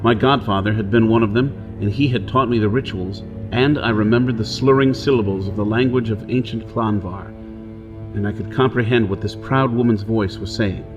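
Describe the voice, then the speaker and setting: The same outlaw role continues: the actor gives a tense, theatrical first-person narration of a wary Earth-born man on Mars talking himself through things. His lowish, everyday-sounding voice moves at normal speed over music, and the sound is lo-fi.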